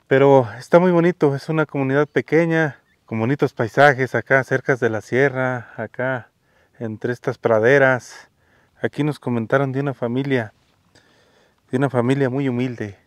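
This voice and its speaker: A man's voice: mid-range voice, no room sound. Folksy Mexican man talking outdoors. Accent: Mexican Spanish. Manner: warm, folksy, talks gently to children. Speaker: host. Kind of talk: on-location vlog narration. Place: outdoors in a rural village.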